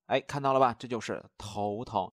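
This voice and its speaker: A man giving a recorded language lesson in a patient, coaxing teacher's manner. He slows right down to repeat each new word twice, then asks the class whether they remember or follow. His mid-pitched voice sounds dry and close, with no room around it. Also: dry recording. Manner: patient, drawn-out model pronunciations, frequent rhetorical checks.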